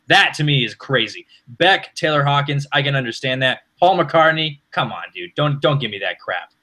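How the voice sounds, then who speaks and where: A young man co-hosts a casual podcast, his voice bright and forward. He talks in a lively, rambling way, often restarting his sentences as he goes. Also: mid-range voice, moderate pace. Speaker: podcast co-host. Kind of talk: casual chat.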